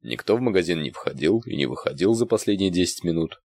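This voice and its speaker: A man's voice: sits low, fast talker, no echo. Burly puzzled bodyguard, read by a man. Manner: plain, flat, puzzled.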